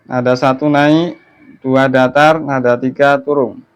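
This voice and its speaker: A man's voice: mid-range voice, fairly even intonation, clear, resonant tone. Man teaching melodic Quran recitation. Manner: explains step by step, then chants recitation slowly. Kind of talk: online recitation lesson. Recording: dull lo-fi audio.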